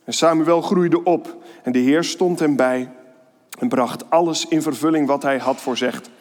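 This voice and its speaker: High-voiced man preaching in reverberant hall. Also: a little slow. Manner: lively, playful storytelling to children. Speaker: pastor. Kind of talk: children's sermon with Bible reading.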